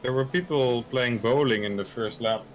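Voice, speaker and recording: A man's voice: mid-range voice, normal speed, background noise. A man who races online, chatting casually in an interview in an understated, matter-of-fact way. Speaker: racing driver being interviewed. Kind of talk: casual post-incident interview.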